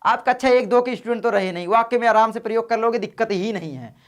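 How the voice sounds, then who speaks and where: A man tutors students through an exam paper in a loose, conversational way, peppering his explanations with quick check-ins. He stays easygoing and encouraging. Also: very high-pitched. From northern India. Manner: casual, chatty, addresses students as brothers. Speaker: teacher.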